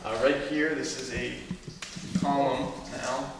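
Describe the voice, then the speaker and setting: A man gives an informal guided tour, explaining each feature in an even, little-varying voice. Heavy cave echo surrounds him, and he is picked up from well away from the microphone. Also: mid-range voice, takes it slowly. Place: inside a cave. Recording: echoing cave, distant mic, clear noise.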